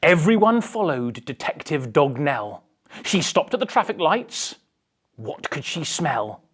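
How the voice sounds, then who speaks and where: A woman reads a rhyming children's picture book aloud in a theatrical, animated style, slowly leaning into the drama with emphatic moments and hushed passages. Her slightly low voice swoops widely in pitch, sing-song with a breathy edge.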